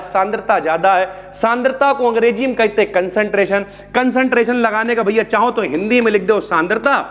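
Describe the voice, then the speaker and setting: High-voiced chatty chemistry teacher. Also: male voice, a bit bright. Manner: chatty, calls students brother, asks and answers own questions. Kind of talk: classroom lecture. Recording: long hall reverb.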